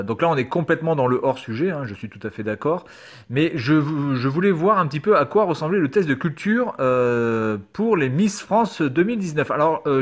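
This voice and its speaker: A man reading quiz questions aloud in a casual commentary video, sarcastic and hesitant, swearing now and then. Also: a little high. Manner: reads quiz questions aloud and answers them. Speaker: YouTuber. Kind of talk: casual screen-recorded commentary.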